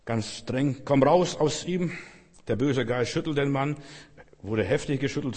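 A man's voice: medium pitch, husky. A male preacher giving a sermon, speaking directly to his listeners with rhetorical questions. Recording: long hall reverb.

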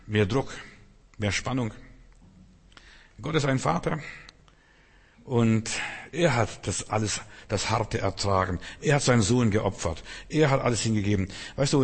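Husky-voiced man preaching in a reverberant hall. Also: lowish voice. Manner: earnest, exhorting, addresses listener directly. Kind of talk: sermon.

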